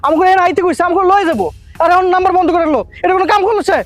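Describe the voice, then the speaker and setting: An actor playing an anxious, impatient husband in a family drama, talking in an agitated, colloquial, repetitive way. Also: male voice, extremely high pitch, very fast, faint music behind. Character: anxious, fretful married man, impatient son. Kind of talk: Bengali family TV drama acting.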